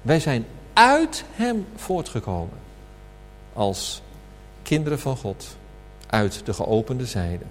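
A man preaching a sermon at a communion service, slow and emphatic, asking rhetorical questions. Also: mid-range voice, huge pitch swings. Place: church hall. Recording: reverberant hall with faint hum.

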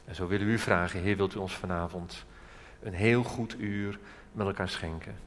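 A man leading a church prayer and sermon, earnest and drawing out key words slowly. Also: deep voice, fairly even intonation, long reverb tail, slight background noise. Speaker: preacher.

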